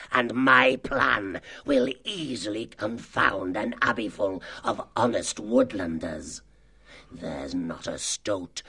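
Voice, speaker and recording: A man voicing a cruel, cunning fox who leads a slave gang, sarcastic, menacing and boastful, with a gravelly, husky voice, in a dramatised animal tale. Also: mid-range voice, fairly bright tone, exaggerated voice. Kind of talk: dramatised audiobook character acting.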